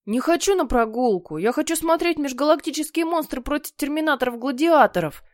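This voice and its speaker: A woman's voice: sits high, animated, fairly quick, no room sound, clean studio sound, pitched above the performer's own voice. A woman doing a whiny stubborn boy. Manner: whining, defiant. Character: whiny stubborn boy who hates outdoors.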